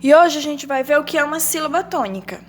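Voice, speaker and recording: A young adult woman teacher with a Brazilian Portuguese accent, giving a children's grammar lesson with drawn-out syllables and sing-song questions. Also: sits high, expressive, a little hiss or hum.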